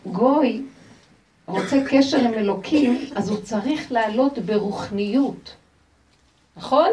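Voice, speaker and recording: A woman teaching a religious lecture to a group, expressive and asking the audience rhetorical questions. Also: a little high, recorded from a distance, a crowd in the background. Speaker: Torah teacher.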